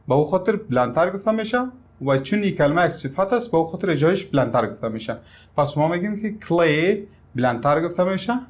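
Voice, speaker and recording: Afghan-accented guy teaching english, slightly high voice, slow careful words, punches the stressed syllables. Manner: slow deliberate English, faster in Dari, stresses syllables emphatically. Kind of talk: bilingual language lesson.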